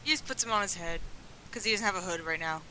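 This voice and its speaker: A tabletop game player speaks casually at a middle pitch. Clear noise and clicks sit behind the voice. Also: quick pace. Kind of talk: casual chat. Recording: noisy recording with clicks.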